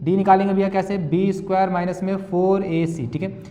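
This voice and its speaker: A man's voice: high voice, level tone, fairly quick, dark tone, dull audio. A young male maths teacher solving board-exam problems, calling students "beta" and "bhaiya" and asking and answering his own questions. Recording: echoey room.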